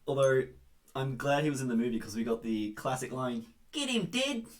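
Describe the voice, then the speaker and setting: A man's voice: mid-range voice, fairly even intonation, fairly quick. A man, co-hosting a casual livestream while painting miniatures, reading out chat messages and laughing often. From New Zealand. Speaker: livestream co-host.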